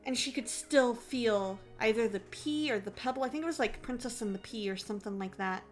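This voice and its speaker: A woman hosting a casual reaction commentary, expressive and musing aloud. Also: a little high, a little fast, faint music behind. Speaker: host.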